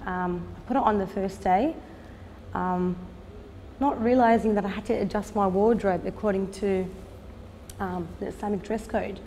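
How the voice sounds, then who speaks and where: A woman in her thirties talks about her work in an interview, earnest and unhurried, often pausing on "um". Her voice sits mid-range, and the room has a long reverb with faint background noise. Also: mid-range voice, fairly even intonation, darkish tone. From Australia. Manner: earnest, unhurried, with frequent "um" pauses. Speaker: fashion designer and business owner. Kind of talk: documentary interview.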